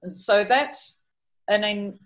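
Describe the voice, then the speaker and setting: A woman's voice: mid-range voice, takes it slowly. A middle-aged woman, a horse trainer chatting hesitantly through a training video and telling stories about her horse. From New Zealand. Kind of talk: explaining training over a video, storytelling.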